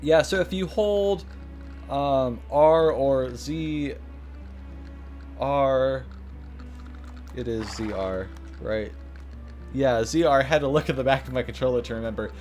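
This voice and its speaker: A man's voice: medium pitch, darkish tone, soft background music. A man hosting a let's play with casual, rambling, self-deprecating gameplay commentary. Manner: rambling, self-deprecating, halting when reading.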